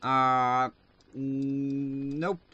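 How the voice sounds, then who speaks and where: A man runs a live severe weather stream from his desk mic. His delivery is casual and halting, full of filler sounds, at an ordinary mid pitch. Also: level tone, pushed and bright, no echo, dull audio. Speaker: livestream weather host.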